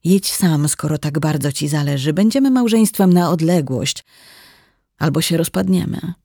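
Narrator playing a firm, earnest wife in a storybook, gravelly voice, dry close sound. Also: mid-range voice, moderate pace, dry recording. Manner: calm, then firm and warning. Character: woman doctor nearing forty, steady wife.

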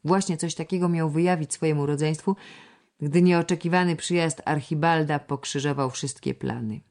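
A woman reading a children's novel aloud in a measured storytelling manner. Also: low voice, darkish tone. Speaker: audiobook narrator. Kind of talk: scripted narration of a children's novel.

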